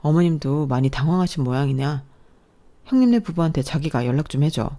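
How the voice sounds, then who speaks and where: A woman's voice: sits low, lively intonation, brisk, warm tone. A woman voicing a blunt, direct husband in a storybook narration. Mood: urgent.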